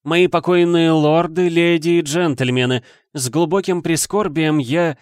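A man's voice: fairly high pitch, fairly even intonation, unhurried, clear, resonant tone, dry recording, clean studio sound, pitched above the performer's own voice, close to an everyday voice. A man voicing a proud, melancholy male ghost who speaks formally and pompously in an audiobook reading.

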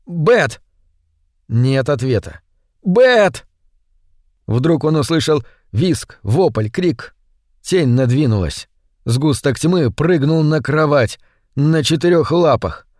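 A man's voice: mid-range voice, lively intonation, takes it slowly, darkish tone, no room sound, clean studio sound. Man reading a suspenseful horror story. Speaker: narrator. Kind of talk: scripted horror story narration.

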